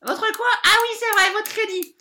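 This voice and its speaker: Brief: a woman playing a hapless female bank adviser, very high bright voice, rambling and hesitant. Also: fairly even intonation, moderate pace, full character voice. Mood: apologetic, lonely. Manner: rambling, hesitant, full of filler sounds. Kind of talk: comic character monologue.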